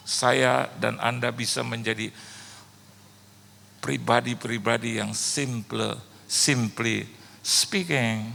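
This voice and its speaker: Animated male pastor with a gravelly voice. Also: fairly low pitch, long reverb tail, a little hiss or hum. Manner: animated storytelling, rhetorical "Halo?" checks. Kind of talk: sermon. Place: church stage.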